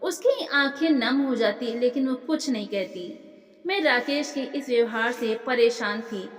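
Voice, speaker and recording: A woman with a high voice tells a family story in the first person, earnest and steady. Her voice rings in a roomy space, with a long reverb trailing after each line. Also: measured pace.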